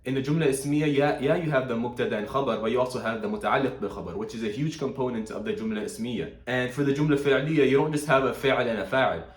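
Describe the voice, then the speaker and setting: A man with a mid-range voice talks quickly through an Arabic grammar lesson. He reads answers aloud and corrects them, dropping easily into Arabic terms. His voice rings out in an echoey room. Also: medium pitch. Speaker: Arabic language teacher. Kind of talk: casual explanatory commentary.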